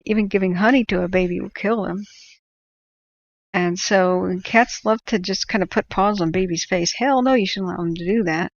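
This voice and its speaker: Casual and emphatic, this livestream host offers her opinions while explaining things to her viewers. She has a mid-range voice and a moderate pace, captured in lo-fi audio without echo.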